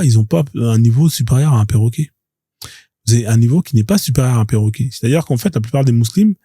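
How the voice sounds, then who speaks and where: A mid-range, very dark, mellow and husky male voice carries a live stream monologue. The tone is scornful and confrontational, with points hammered over and over, and the sound is intimate and dry, free of room echo.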